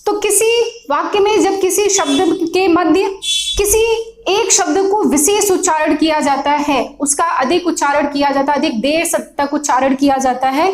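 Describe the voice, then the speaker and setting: Very high-pitched woman, patient grammar teacher, echoey room. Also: darkish tone. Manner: patient, repeats points, often checks with "theek hai". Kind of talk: classroom lesson explaining with examples.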